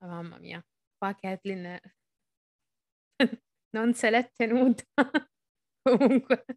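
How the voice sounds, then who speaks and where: A woman's voice: fairly high pitch, takes it slowly, a little mellow, no echo. A woman hosting a podcast, chatting about a novel and reading passages aloud, laughing often. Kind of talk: casual book-club chat with read-aloud passages.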